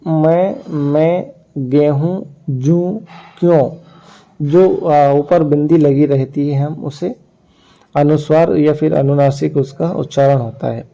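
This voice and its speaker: A middle-aged man teaching a grammar lesson slowly, pausing on fillers and sounding out letters one at a time. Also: on the high side, vocal fry, warm tone, muffled recording. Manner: halting, many "a" fillers, spells out sounds one by one. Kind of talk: slow explanatory lesson.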